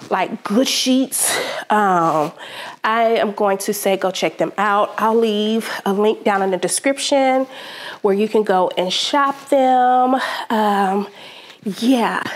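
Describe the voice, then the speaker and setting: A woman chatting casually in a home vlog, reviewing products she was sent in an animated, friendly way. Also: medium pitch. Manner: chatty, animated, uses "child" and "y'all". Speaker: home DIY vlogger.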